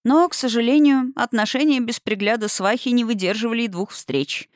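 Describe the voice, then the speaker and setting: A woman narrating a romantic fantasy audiobook in an expressive storytelling manner. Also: fairly high pitch, brisk, dry recording, studio quality.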